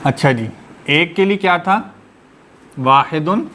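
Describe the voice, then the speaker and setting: A methodical male teacher leads an online lesson over a video call, his voice sitting a little high. He keeps asking the class question after question and explains each point patiently, with a faint hum underneath. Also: a little slow, fairly bright tone. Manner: quizzes the class with repeated rhetorical questions.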